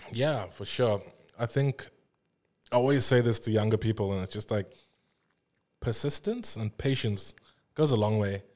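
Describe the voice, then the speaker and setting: Speaking at a normal pace in a lowish, darkish voice, this young South African illustrator and art director is relaxed as a podcast guest. He laughs a lot in the casual conversation and often leaves sentences unfinished.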